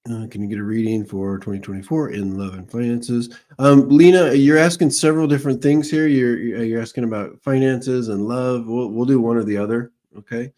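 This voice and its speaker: A man's voice: medium pitch, a little fast, few pauses, warm tone. A man who is a psychic medium hosts a casual live stream, chatting with viewers in a rambling way and greeting them by name. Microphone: streaming microphone.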